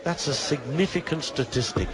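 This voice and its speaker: A man giving live darts commentary, measured and analytical, with considered pauses. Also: a little high. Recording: busy crowd behind commentary. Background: darts crowd.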